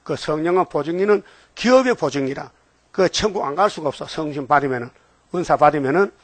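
High-voiced older Korean preacher, dry sound. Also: male voice, lively intonation, quick pace, dry recording. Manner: folksy, teasing, call-and-response with congregation. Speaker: pastor. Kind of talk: sermon.

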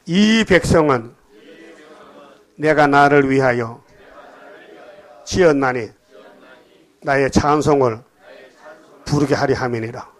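A man preaching a sermon in a homely, conversational way, pausing to quiz his listeners. His voice sits fairly high for a man. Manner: folksy, questioning the congregation. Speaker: pastor.

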